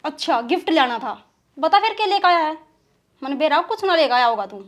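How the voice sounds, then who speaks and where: A woman playing a sulky young wife with a Haryanvi accent. Her voice is high and scolding, and her temper flares quickly. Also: expressive. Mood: sulking.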